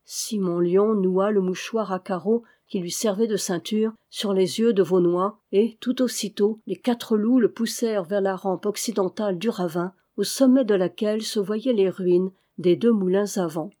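A woman narrating a classic adventure novel aloud in a measured, expressive way. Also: medium pitch. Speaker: audiobook reader.

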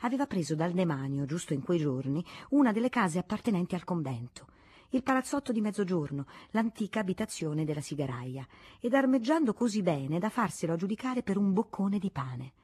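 A woman narrating a classic novel as an audiobook in a measured, expressive reading. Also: on the low side, breathy edge. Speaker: audiobook reader.

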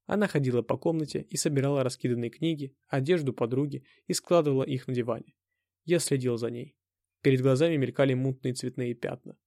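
A man narrating a dramatic audiobook in the first person, in a tense, measured way. His mid-range voice has a gravelly edge. The recording is close and dry, with no room sound. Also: mid-range voice, steady tone, mellow, dry recording.

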